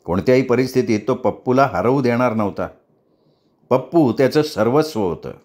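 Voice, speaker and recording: A man narrating an audiobook novel in a measured, reflective manner. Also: medium pitch, animated, darkish tone. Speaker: storyteller.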